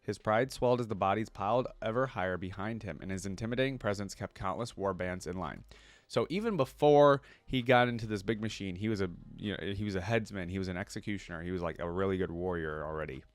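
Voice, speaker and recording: Pausing now and then to explain and muse, a low-pitched man reads lore aloud for a reaction video and mixes in casual commentary. The recording has no echo.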